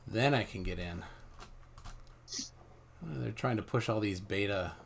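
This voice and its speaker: A man's voice: fairly low pitch, a little slow, gravelly. Brief: male stream host, casual and joking, faint noise under the voice. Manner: joking, casual, trails off while fiddling with software. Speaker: show host. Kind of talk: live stream debate hosting.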